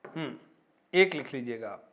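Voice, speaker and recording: A man's voice: medium pitch, lively intonation, moderate pace, a bit bright, a little hiss or hum. A man teaching an exam-prep Hindi grammar lesson, rattling off lists of synonyms and stopping to flag the new words and their spellings. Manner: addresses viewers as friends, frequent tag questions.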